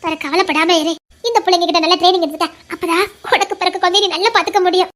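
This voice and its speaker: A woman's voice: very high-pitched, steady tone, racing, fairly bright tone. An actress playing an affectionate young village wife who reassures her family with fond chuckles, speaking with a Tirunelveli accent. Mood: reassuring. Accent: Tirunelveli Tamil. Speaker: actress in a family web drama. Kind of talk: village family drama acting.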